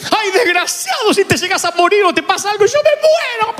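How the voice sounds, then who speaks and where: A man's voice: very high-pitched, expressive, brisk, a bit bright, a little hiss or hum, pitched above the performer's own voice. A man putting on the voice of a frantic mother who scolds and hugs her lost son at once. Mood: frantic scolding. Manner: shrieking, scolding, then tender. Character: frantic scolding mother, shrill, loving and furious. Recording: echoey hall reverb.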